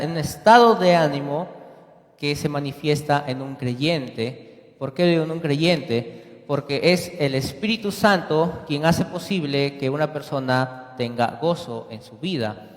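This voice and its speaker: Man preaching in an echoey church. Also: a little high. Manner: asks the congregation questions; acts out quoted dialogues. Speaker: lay preacher. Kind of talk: sermon. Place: church sanctuary.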